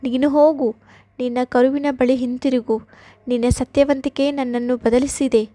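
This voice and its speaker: A woman's voice: high voice, steady tone, normal speed, dark tone, lightly acted. A hungry tiger in a storybook, read by a woman. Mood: gruff. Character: hungry male tiger who softens.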